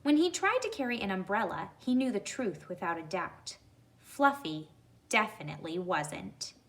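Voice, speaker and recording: Reading a children's story aloud, a woman speaks deliberately to young listeners and pauses to ask them questions. Her mid-range voice has lively intonation and a fairly bright tone.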